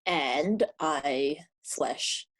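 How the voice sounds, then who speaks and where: A woman introducing herself as a player in a tabletop game over a video call, soft-spoken and laughing often. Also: sits low, extremely slow. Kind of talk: casual chat at a tabletop game.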